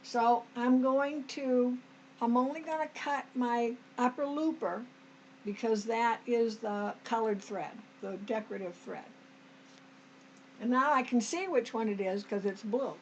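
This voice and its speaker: A woman's voice: a little high, unhurried, dull audio, slight background noise. A woman hosting a sewing tutorial, chatting homely to viewers as she works step by step, her throat a little dry. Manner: homey, talks to viewers as "us", frequent okays and restarts. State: slightly dry throat, clearing it.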